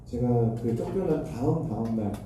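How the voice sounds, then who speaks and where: A man's voice: medium pitch, expressive, moderate pace, mellow, slight background noise. A man who is a pastor, telling a self-deprecating story in his sermon. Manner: self-deprecating anecdotal storytelling with acted quotes. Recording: echoey hall, mic far off.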